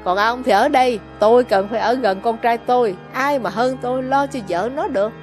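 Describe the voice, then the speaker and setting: A woman reader brings to life a greedy old village mother with a loud, scolding voice set a touch high. She is harsh and volatile, a storybook figure who turns on her son as fast as she fawns over him. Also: faint music behind, lightly acted. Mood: gloating.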